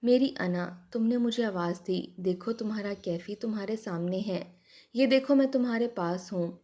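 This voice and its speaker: A woman's voice: mid-range voice, moderate pace, dark tone, natural voice. A woman voicing a grief-stricken young husband who pleads emotionally in a spoken love story. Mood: tender, resolute.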